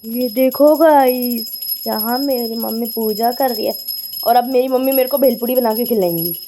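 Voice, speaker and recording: Teen girl, high voice, giggly and chatty, casual home vlog on a phone. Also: moderate pace, over music. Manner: giggly, chatty, playfully protesting. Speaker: vlogger. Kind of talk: casual family vlog chat.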